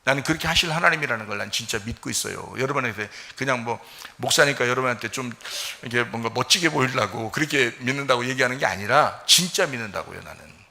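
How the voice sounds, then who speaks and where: A male pastor preaching a sermon with passion, swinging between loud, fervent peaks and low, quiet stretches. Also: fast, gravelly. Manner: impassioned preaching, swings from shouting to near-whisper. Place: church sanctuary. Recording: echoey church hall.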